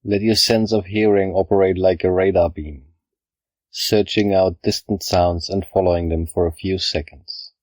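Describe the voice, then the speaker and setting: Deep-voiced man guiding a meditation. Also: no echo. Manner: calm, measured, instructional, with pauses. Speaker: yoga nidra guide. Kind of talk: guided meditation, scripted narration.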